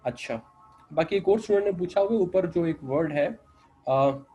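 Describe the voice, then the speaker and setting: A man's voice: on the high side, animated, moderate pace, mellow, dull audio, faint music behind. A man with a Pakistani accent teaching an English literature lecture online, explaining patiently, slipping into English and leaning on filler phrases.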